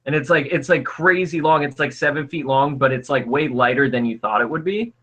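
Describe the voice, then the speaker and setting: A man's voice: medium pitch, brisk, fairly bright tone. A man narrating a tabletop game as game master, casual and rambling with lots of filler words.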